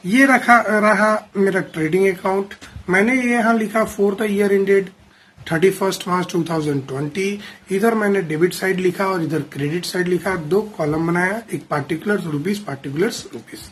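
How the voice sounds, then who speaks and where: A male teacher with a high, somewhat bright voice gives a classroom lecture on accounting, explaining things step by step. He addresses the students as "children," frequently checks that they're following, and reads definitions out slowly. There's slight background noise.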